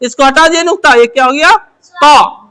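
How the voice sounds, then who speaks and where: A woman's voice: high voice, fast, sharp tone. A woman teaching the Urdu script, asking short questions and answering them herself while repeating key phrases. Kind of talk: letter-by-letter script lesson.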